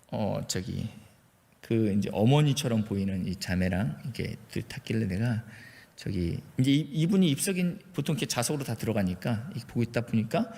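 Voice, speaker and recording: A man's voice: medium pitch, darkish tone. A male pastor from Jeolla telling a chatty, self-deprecating story in a church sermon. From Jeolla, South Korea. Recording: echoey church hall.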